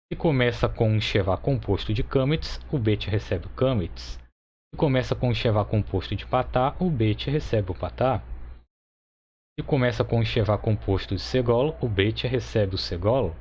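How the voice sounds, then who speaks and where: A Brazilian Portuguese-speaking man teaching a grammar lesson, explaining step by step and checking in with quick tag questions. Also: on the low side, a little mellow, slight background noise. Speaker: Hebrew teacher. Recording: dull lo-fi recording.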